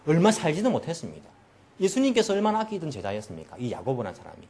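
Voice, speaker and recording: A man's voice: a little high, wildly swooping pitch, very fast, a little mellow. A man preaching a sermon as pastor, acting out the voices of people he quotes. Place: church.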